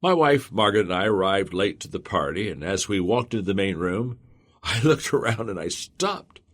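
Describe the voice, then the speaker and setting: A man reading a motivational audiobook in the first person, earnest and measured. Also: sits low, expressive. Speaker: audiobook narrator. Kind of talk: scripted audiobook narration.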